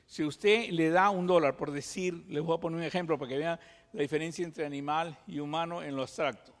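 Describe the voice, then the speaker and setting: A man from Peru with a Peruvian Spanish accent, preaching a sermon and teaching through lively examples and rhetorical questions. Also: a little high, a little fast. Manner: animated storytelling, acts out examples, rhetorical questions. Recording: long hall reverb.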